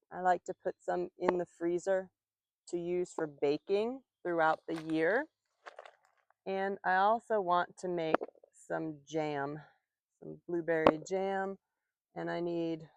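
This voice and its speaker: A woman teaching English slowly and clearly while working in her garden. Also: on the low side, darkish tone, dry recording. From United States. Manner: slow, clear, patient explaining. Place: outdoor garden, rooster in background.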